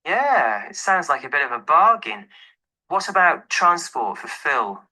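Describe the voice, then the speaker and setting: On a rough recording, a male actor gives a full character voice that's fairly high, bright, and pushed, with big pitch swings and a slightly slow delivery. He plays a laid-back young professional phoning about renting a flat in an acted call, keeping things casual, informal, and friendly.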